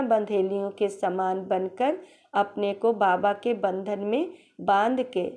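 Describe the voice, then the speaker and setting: A woman giving a devotional discourse, slowly quoting and rephrasing teachings. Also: medium pitch, dark tone. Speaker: spiritual teacher explaining a daily lesson.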